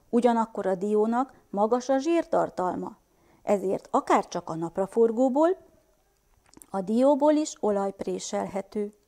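With a mellow, mid-range voice and a Transylvanian Hungarian accent, a woman guides first graders through reading. She sounds out words slowly and keeps asking the children questions.

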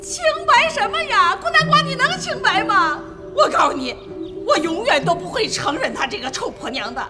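A woman's voice: big pitch swings, brisk. An actress playing a furious, scolding blind old mother in a period TV drama, with music behind. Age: older. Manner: shrill, scolding, wailing. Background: drama score music.

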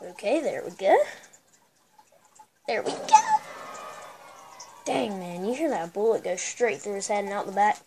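A woman with a girlish voice giving excitable, trash-talking commentary while playing a shooter game. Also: medium pitch, brisk, hardly any pauses. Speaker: gameplay commentator. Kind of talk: casual gameplay commentary. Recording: noisy recording with steady hiss.

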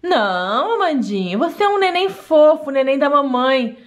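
A woman's voice: high voice, lively intonation, normal speed. A woman voicing a patient mother in a doll play story, coaxing and soothing, often saying the child's name.

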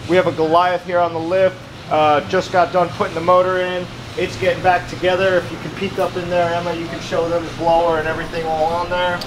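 A high, monotone male voice, a little fast, guides a casual walkthrough vlog of a large indoor car workshop. The speaker is the shop manager, in his thirties, and his manner is upbeat and plain-spoken. Sounds of the workshop come through in the background.

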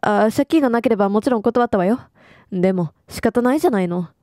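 Girl reading a whiny dramatic game lady buried in debt, soft mellow tone. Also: fairly high pitch, expressive, fast talker, dry recording, studio quality, lightly acted. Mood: self-pitying. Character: self-pitying middle-aged woman buried in debt.

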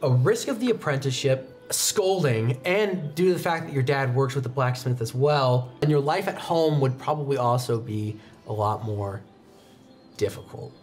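This young man's voice is mid-range and a little mellow, moving at normal speed. He is the game master of an improvised tabletop roleplaying game, telling scenes like a storyteller from a desk in an indoor studio while music plays behind him.

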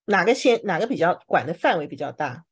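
Lively husky woman teaching a class. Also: on the low side, fast. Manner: lively questioning, checks for questions often. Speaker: English teacher. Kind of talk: classroom vocabulary lesson.

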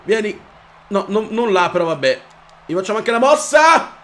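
A young man with a high voice talks his viewers through a wrestling video game. He sounds hyped, curses freely and shouts whenever something big happens on screen. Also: normal speed. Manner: energetic, swears and shouts at the game. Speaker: gaming YouTuber. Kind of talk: excited gameplay commentary.

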